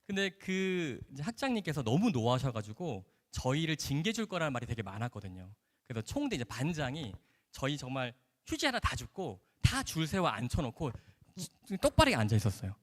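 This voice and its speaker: Lively male doctor telling his story. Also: medium pitch, fairly quick. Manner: storyteller who acts out quoted dialogue. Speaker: doctor giving a testimony. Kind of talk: animated personal testimony. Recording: long hall reverb.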